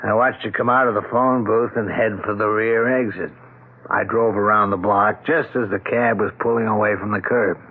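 An old, narrow-band radio drama recording of a courteous police lieutenant. His voice is husky and fairly low. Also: fairly even intonation, normal speed. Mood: reassuring. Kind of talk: 1970s American radio drama acting.

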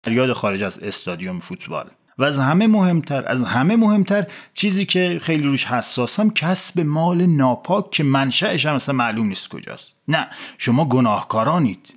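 A man's voice: mid-range voice, sing-song, few pauses. A man narrating a satirical story for a podcast, with dry asides.

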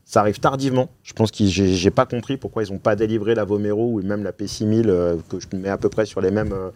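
Panelist, male, low voice, measured and hesitant with fillers. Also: fairly even intonation, warm tone. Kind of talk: casual panel chat.

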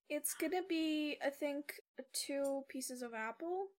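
A woman's voice: high voice, slow, a little mellow. A woman playing in a tabletop game, talking in a hesitant, wry way. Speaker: player. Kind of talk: casual tabletop play.

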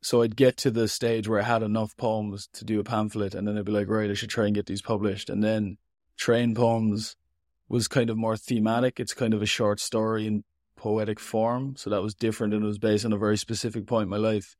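A man's voice: fairly low pitch, level tone, fairly quick, a little mellow, dry recording, clean studio sound. A man with an Irish accent giving an interview as a writer, talking in an informal, rambling, reflective and self-deprecating way. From Ireland. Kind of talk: casual, reflective interview talk.

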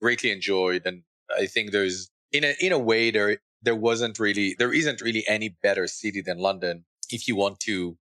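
Low-voiced man from Israel, thoughtful founder guest, dry sound. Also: normal speed, hardly any pauses, sharp tone, dry recording. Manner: thoughtful, with frequent restarts. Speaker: podcast guest, startup founder. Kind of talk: interview conversation.

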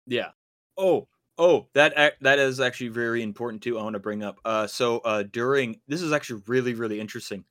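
A man with a medium-pitched, fairly bright voice talks fairly quickly as a podcast co-host, casually rambling with plenty of fillers and restarts.

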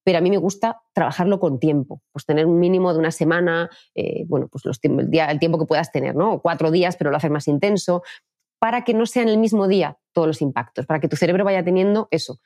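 Brief: lower-voiced woman, communication coach, quick explanatory delivery, dry close sound. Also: mellow, no room sound. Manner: fast-talking, explanatory. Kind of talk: interview answers.

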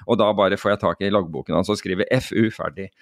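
A man from Norway casually telling a story on a podcast, animated, with many restarts and fillers. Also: sits low, background noise.

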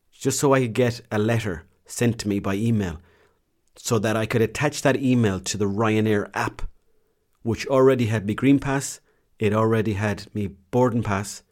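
An Irish vlogger with a lowish voice tells a rambling holiday story that pokes fun at himself, speaking casually with slang and the occasional swear word.

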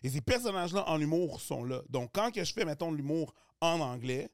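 A man's voice: on the high side, brisk, no echo, clean studio sound. A man with a Québécois French accent, chatting casually on a podcast as a comedian guest and slipping into English accents. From Quebec. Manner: animated, switches into English accents.

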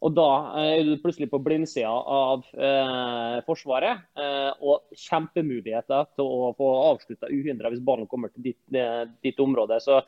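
A man's voice: mid-range voice, steady tone, few pauses. A male football coach chatting on a podcast, stopping often on filler sounds before giving blunt judgments. His voice comes through a little muffled and lo-fi. The sound is dry, with no room echo. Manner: hesitant, many filler sounds, blunt verdicts. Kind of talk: casual podcast chat.

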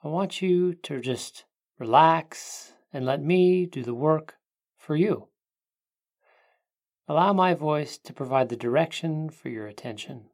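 A meditation narrator speaking like a sleep story narrator, giving gentle, hushed guidance with long pauses and a creaky voice. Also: medium pitch, animated.

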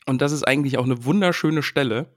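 A man's voice: mid-range voice, quick pace, dry recording, clean studio sound. A man co-hosting a casual podcast about a book, cheerfully reading passages aloud with feeling. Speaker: podcast co-host.

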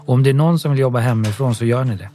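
A man's voice: mid-range voice, dark tone, faint music behind, close to an everyday voice. A man reading a practical, caring office manager. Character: concerned woman, office manager. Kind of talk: audiobook dialogue reading.

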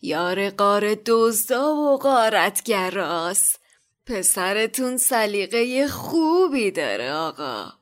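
A woman voicing an obsequious old male shopkeeper in a dark-magic shop, with a smooth oily manner. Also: high voice, sing-song. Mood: fawning.

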